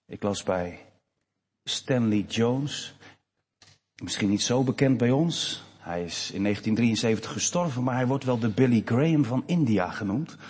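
A man preaching a sermon to his congregation in a church, slow and emphatic with expressive rises. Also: on the low side, husky. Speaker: pastor. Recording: long church reverb.

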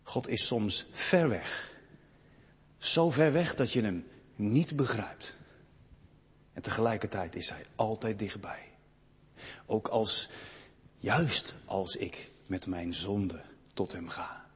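A young man preaches, with a deeply husky, breathy voice. He drops to hushed, slow passages, then swells into loud, fervent rises. Every word rings with the long reverb of a church hall. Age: young adult. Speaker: pastor. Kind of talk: sermon.

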